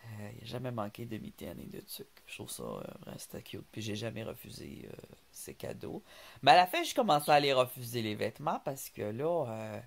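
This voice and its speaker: Man, Québécois accent, casual vlog chat, rambling, animated pitch, laughs often. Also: brisk, vocal fry. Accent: Québécois French. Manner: rambling, laughs often, stumbles on some words. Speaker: vlogger.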